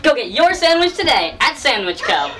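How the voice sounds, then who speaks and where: A woman's voice: high voice, big pitch swings, moderate pace. A woman playing a pushy salesperson in a homemade comedy skit, with over-the-top salesy delivery. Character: pushy sandwich seller and anxious caller.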